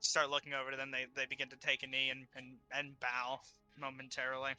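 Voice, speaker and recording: A man narrating a tabletop game as game master, in a halting, descriptive way with many fillers. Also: mid-range voice, monotone, pushed and bright, faint music behind.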